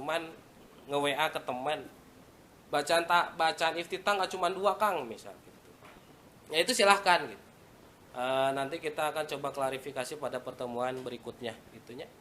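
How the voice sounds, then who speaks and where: Medium in pitch and a bit bright, this man's voice comes with a little hiss or hum. He's an Islamic religious teacher with a Sundanese accent giving a casual lesson, speaking conversationally, mixing in local words, and reciting Arabic.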